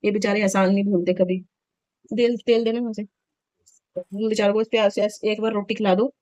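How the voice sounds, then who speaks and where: Mellow-voiced woman vlogging at home. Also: medium pitch, level tone, a little fast, no echo, rough recording. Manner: chatty, indignant storytelling. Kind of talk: casual vlog chat.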